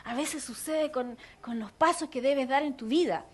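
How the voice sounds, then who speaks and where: High-voiced Chilean woman pastor preaching. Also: moderate pace. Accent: Chilean Spanish. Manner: animated, conversational, with jokes and audience laughter. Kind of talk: sermon teaching.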